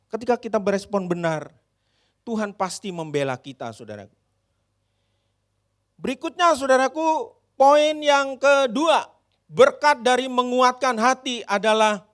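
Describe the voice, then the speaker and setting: High, bright-voiced animated preacher. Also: male voice, a little slow, pauses often. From Indonesia. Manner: animated and dramatic, addressing the congregation repeatedly. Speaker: pastor. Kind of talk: sermon.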